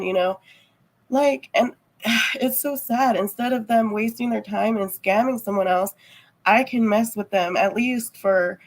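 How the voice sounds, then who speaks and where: A woman's voice: medium pitch, gravelly, low-quality recording. A woman livestreamer chatting casually with viewers, rambling and heavy on fillers. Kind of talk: casual chat.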